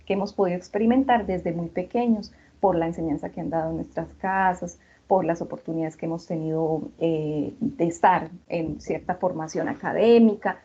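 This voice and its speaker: A woman's voice: lowish voice, moderate pace, few pauses, warm tone, husky, muffled recording. A woman from Colombia with a Santander accent, a university lecturer giving an online class and explaining with rhetorical questions. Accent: Santander Colombian Spanish.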